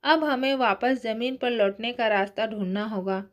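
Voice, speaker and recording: A woman's voice: a little high, moderate pace, lightly acted. Woman reading as a tearful young heroine, former kickboxing champ. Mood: brisk. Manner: soft, plaintive, sniffling.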